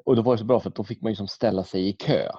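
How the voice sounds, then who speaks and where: A man, chatting casually in a gentle, reflective way. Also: on the low side, steady tone, dry recording. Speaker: podcast co-host. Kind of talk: casual chat. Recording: dull lo-fi sound.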